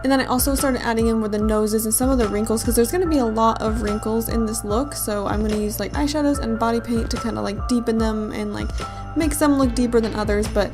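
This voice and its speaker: Female, highish voice, casual makeup-tutorial narrator who rambles and puts herself down, over clear background music. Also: fast talker. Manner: rambling, self-deprecating asides. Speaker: makeup and body paint artist, channel host.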